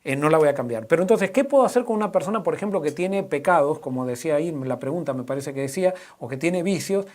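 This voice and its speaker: A male pastor, answering a question in a conversational sermon, often pausing and restarting as he works through everyday examples. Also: a little high, animated, darkish tone. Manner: halting, with many restarts and fillers, giving everyday examples.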